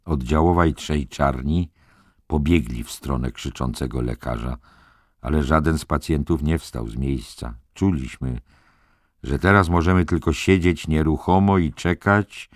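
A man reading a novel aloud as a first-person audiobook narrator, measured and even. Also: extremely low pitch, no echo, studio quality.

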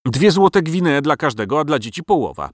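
A man's voice: on the high side, sing-song, fairly quick, dry recording, studio quality, voice pushed up. A man voicing a cunning, cowardly male dragon who haggles to save his life in a storybook reading. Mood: wheedling. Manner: wheedling, bargaining.

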